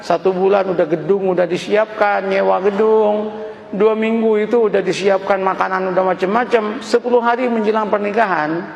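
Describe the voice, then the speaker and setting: A man's voice: high voice, steady tone, moderate pace, gravelly, dull audio. A man with a Javanese accent preaching a humorous sermon, telling a story and acting out its dialogue with Javanese phrases. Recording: echoey hall, faint ambience.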